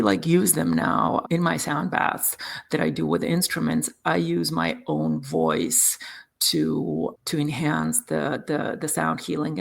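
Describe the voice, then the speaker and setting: Here a Serbian guest, a sound healing practitioner whose native tongue is Serbian, shares personal stories during a conversation. His voice sounds gravelly and animated yet sits fairly high in pitch. He speaks haltingly, often restarting and leaning on fillers.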